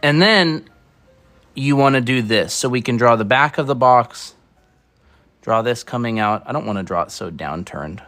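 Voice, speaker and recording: A man's voice: medium pitch, animated, moderate pace, a bit bright. A man co-hosting a livestream art lesson, casually explaining drawing techniques step by step. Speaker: co-host art teacher.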